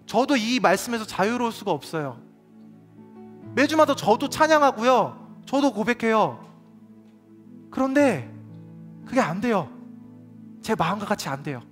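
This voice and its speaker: A man's voice: sits high, big pitch swings, moderate pace, long pauses, faint music behind. A man preaching a sermon at a church youth service, earnest and confessional, speaking directly to his listeners. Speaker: youth pastor.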